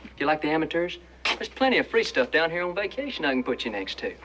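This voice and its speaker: An actor playing a sly, slangy small-time hustler making chummy, wheedling sales patter in a film. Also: male voice, a little high, sing-song, fast talker, fairly bright tone.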